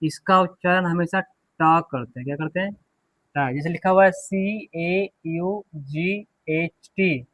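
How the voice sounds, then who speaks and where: A man's voice: fairly high pitch, slow pace, a bit bright, highs cut off. A man teaching an English pronunciation class, drilling words one at a time and quizzing students to repeat them.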